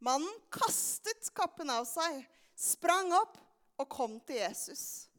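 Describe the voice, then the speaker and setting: High, animated woman leading a church talk. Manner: animated, asks the audience questions often. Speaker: children's sermon leader. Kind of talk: lively storytelling sermon for a congregation.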